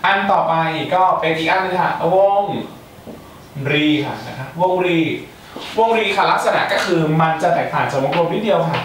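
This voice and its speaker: A man's voice: fairly high pitch, animated, normal speed, a bit bright. A young man tutoring students for a math exam, chatty and playful, with joking asides. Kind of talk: exam-prep math lecture. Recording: echoey room, mic far off, faint hiss.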